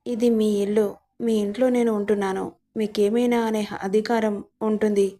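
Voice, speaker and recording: A woman voicing a shy, hurt young bride who begs softly in a storybook reading. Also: mid-range voice, flat delivery, moderate pace, natural voice. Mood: hurt pleading.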